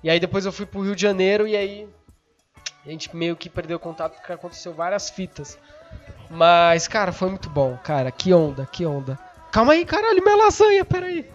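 A young man, hosting a podcast while stoned, rambling and excitable, swearing often and losing his thread. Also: fairly high pitch, moderate pace, lo-fi sound, faint music behind. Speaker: podcast host. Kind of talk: casual rambling storytelling.

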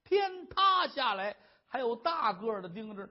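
A man's voice: very high-pitched, big pitch swings, a little slow, lo-fi sound, full character voice. A man voicing a worried husband who coaxes his wife to explain, in an earnest way. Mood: coaxing. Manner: coaxing, earnest. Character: worried doting husband, a scholar, boastful.

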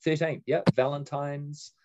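A man co-hosting a podcast, chatting in a relaxed, enthusiastic way and swearing casually. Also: on the high side, unhurried, background noise. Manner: laid-back, sweary, enthusiastic. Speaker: podcast co-host. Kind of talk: casual chat. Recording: slightly dull sound.

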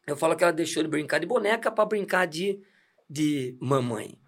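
A man's voice: a little high, expressive, normal speed. A middle-aged man, a deacon telling his life story in a casual, laughing way with many restarts. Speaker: deacon giving testimony. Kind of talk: casual testimony chat.

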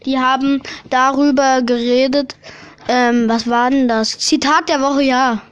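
A woman co-hosting a home podcast, chatty and quick to laugh, often restarting her sentences. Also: high-pitched, fairly even intonation, clear, resonant tone, no room sound, muffled recording. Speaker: podcast co-host. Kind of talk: casual chat. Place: home room without sound insulation.

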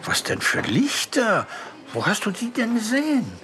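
A man voicing a cheerful, curious young girl in a children's audiobook, bright and eager. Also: high-pitched, huge pitch swings, measured pace, noisy background, voice pushed up, heavily acted.

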